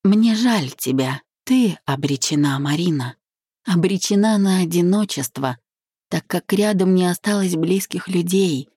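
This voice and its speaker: Lady voicing a calm hurt young wife in a storybook, soft and quiet, dry close mic. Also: fairly low pitch, unhurried, husky, no room sound, voice pushed up. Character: wounded but calm young wife, gentle.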